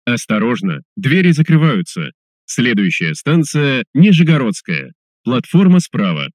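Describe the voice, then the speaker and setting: A man's voice: medium pitch, big pitch swings, dry recording. Dry, formal male subway announcer. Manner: formal, measured, clearly enunciated. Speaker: metro train announcer.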